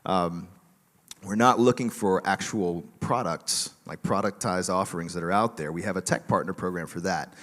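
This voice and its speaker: Man, conference speaker, relaxed and joking, lots of fillers, lowish voice, long hall reverb. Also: normal speed. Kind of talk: conference talk. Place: large conference auditorium.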